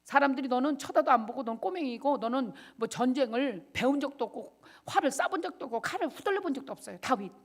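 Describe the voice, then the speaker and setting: A woman pastor delivers a fervent sermon in a bright, high voice. She rises to loud exclamations, then drops to hushed asides. She acts out the lines she quotes with theatrical flair. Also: lively intonation, fast, few pauses. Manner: emphatic preaching, swinging between loud cries and quiet asides.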